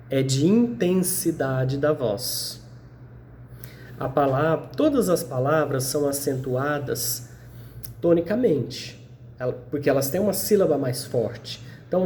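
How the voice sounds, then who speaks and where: Lively Brazilian teacher with a bouncing voice. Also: male voice, fairly high pitch, a little hiss or hum. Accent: Brazilian Portuguese. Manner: didactic, checks in with a frequent "beleza?", stretches words slowly. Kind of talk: video lesson for sixth graders.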